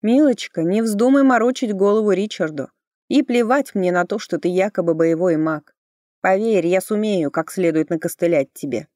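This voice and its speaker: A woman's voice: medium pitch, moderate pace, warm tone, no room sound, studio quality, lightly acted. A woman reader voicing a bossy, buxom, motherly older woman who scolds and threatens in a folksy way. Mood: threatening. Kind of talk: audiobook character voice.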